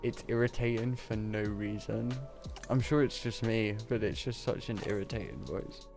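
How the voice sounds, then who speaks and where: A man with a lowish voice, chatting loosely and swearing as he plays. He rambles and loses his train of thought, with game music running clearly underneath. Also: moderate pace. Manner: rambling, sweary, easily distracted. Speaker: streamer. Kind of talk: casual gameplay commentary.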